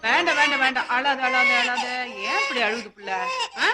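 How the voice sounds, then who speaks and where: An actress playing an older matriarch of a farm family who wails and scolds over a crying child. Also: female voice, high voice, a little fast, over loud music, lightly acted. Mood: distressed. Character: anxious grandmother, matriarch of a farm household.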